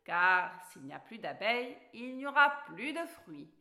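A woman voicing a grumpy male dwarf who scolds and lays down rules in a storybook reading, in a loud, gruff way. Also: mid-range voice, very animated, measured pace, exaggerated voice.

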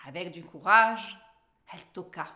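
A woman reading a children's story aloud, expressive and lively. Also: on the low side, moderate pace.

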